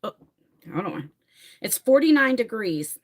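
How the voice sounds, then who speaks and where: Reading comments aloud and greeting viewers by name, a chatty livestream host in her forties from New Jersey laughs often. She speaks a little slowly in a slightly rough, sing-song voice that sits a little high.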